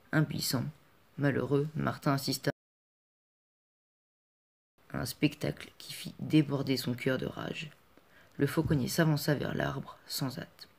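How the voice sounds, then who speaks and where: Calm, measured male storybook reader. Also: mid-range voice. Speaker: audiobook reader. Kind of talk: storybook narration.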